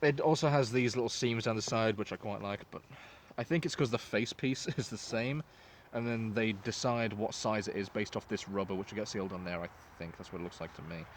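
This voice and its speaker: A man's voice: lowish voice, brisk, few pauses, slight background noise. A man giving a casual, informal product review as the host, talking in a loose, sweary way. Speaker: host reviewing gas masks.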